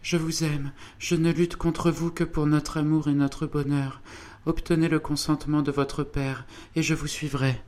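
Un homme qui lit le rôle d'une jeune femme fragile, pieuse et résignée, d'une voix douce et implorante dans un livre audio. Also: male voice, on the high side, flat delivery, unhurried, a little mellow, natural voice. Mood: suppliant. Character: frail young woman, devout and resigned.

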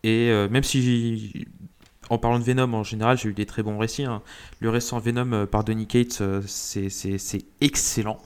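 A man with a low, smooth and resonant voice takes part in a casual panel chat. He pauses and fills gaps often as he works through his thoughts. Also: fairly even intonation, a little mellow. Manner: hesitant, many fillers. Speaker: podcast panelist.

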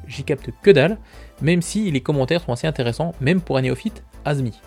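A man's voice: medium pitch, a little mellow, slightly rough. A man hosting a podcast, running through a casual news roundup with chatty, self-mocking asides and frequent fillers. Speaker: podcast host.

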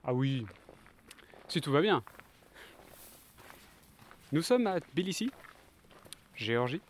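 Man from France, travel podcast co-host; easygoing anecdotal storyteller, mid-range voice, faint background hiss. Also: mid-range voice. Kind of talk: casual chat.

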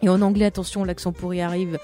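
A woman hosts a casual talk show about television series. Her voice is mellow and dark, and she talks in a chatty, teasing way. Faint music plays under her. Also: lowish voice, little pitch movement, fast. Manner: chatty, teasing, laughs often. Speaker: podcast host.

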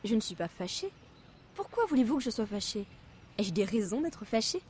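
A woman playing a sulking, tearful young lover in an amateur audio drama, evasive and halting, then reproachful. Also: mid-range voice, sing-song, darkish tone, a little hiss or hum, natural voice. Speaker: voice actress.

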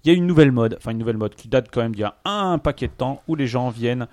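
A man's voice: mid-range voice, expressive, racing, darkish tone, no room sound, studio quality. A man hosting a casual French podcast, joking and steering the talk along. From France. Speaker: podcast host. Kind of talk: casual banter.

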